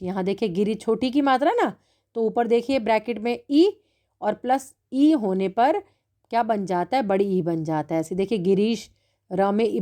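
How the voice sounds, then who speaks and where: A woman teaches young students a grammar lesson. She talks slowly and patiently, with a fairly high voice. She keeps checking that the class is following. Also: warm tone. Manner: slow, drawn-out explaining with constant "है ना" checks. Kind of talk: Hindi grammar lesson for children. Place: online class recording.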